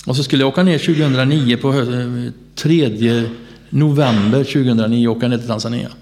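A man's voice: mid-range voice, a little hiss or hum. A man telling his personal faith testimony as a preacher, acting out the dialogue of the people in his story and laughing now and then. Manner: animated storyteller who laughs and acts out dialogue.

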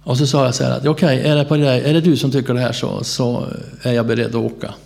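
A man preaching through a personal testimony with a gravelly, creaky voice at an everyday pitch. He tells the story animatedly, acting out the dialogue and laughing between lines. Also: fairly even intonation, darkish tone.

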